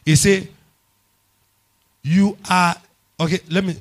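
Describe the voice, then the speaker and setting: A man's voice: sits high, fairly even intonation, slow. Emphatic Ghanaian preacher man. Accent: Ghanaian English. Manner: emphatic, repeats phrases, swings from hushed to loud. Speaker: pastor. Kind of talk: sermon.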